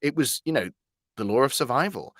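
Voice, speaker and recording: This British man, a voice actor, chats through an interview with lively stories, stumbling and self-correcting as he goes. He speaks at a medium pitch, captured dry and at studio quality.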